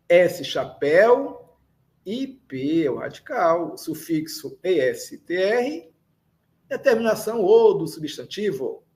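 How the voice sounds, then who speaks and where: A man with a Brazilian Portuguese accent teaching a language lesson, explaining slowly and repeating words and spelled-out letters for learners. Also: a little high, darkish tone. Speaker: Esperanto teacher. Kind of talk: slow, deliberate classroom explanation.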